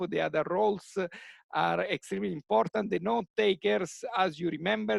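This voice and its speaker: A man's voice: fairly high pitch, creaky, a bit bright, no room sound, clean studio sound. A man moderating an online workshop over a video call, with many fillers and restarts. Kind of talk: online meeting facilitation.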